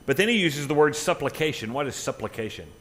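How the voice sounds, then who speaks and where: A man's voice: on the high side, expressive, fast talker, a bit bright. A middle-aged man, a pastor, preaching a sermon in a church, conversational, with rhetorical questions and emphatic peaks. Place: church sanctuary.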